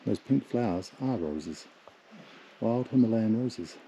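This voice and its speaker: A lower-pitched man with a lilt talks through a travel vlog, hushed and full of wonder as he walks through mountain temples. The recording carries a steady wash of outdoor noise behind him. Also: slow pace. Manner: wondering, softly reverent in temples. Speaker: motorcycle tour leader. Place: outdoors and inside mountain monasteries.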